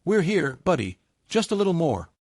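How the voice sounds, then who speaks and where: A man voicing a tired, gentle rescuer. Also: on the high side, sing-song, moderate pace, no echo, clean studio sound, voice pushed up. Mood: soft, encouraging. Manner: soft, encouraging murmur. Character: weary grown man rescuing a horse, gentle and stubborn.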